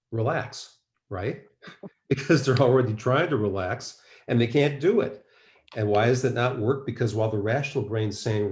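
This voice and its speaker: A mind-body medicine practitioner with a lowish, somewhat dark voice presents a webinar, explaining things conversationally and asking rhetorical questions as he teaches. The audio is roomy and echoey.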